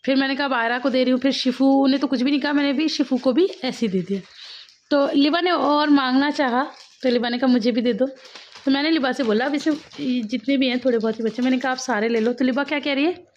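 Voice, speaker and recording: Chatty mother vlogging at home, high voice. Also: quick pace, dull audio, a little hiss or hum. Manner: chatty, laughs often, coaxing with her children. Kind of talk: casual home vlog chat. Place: at home with children around.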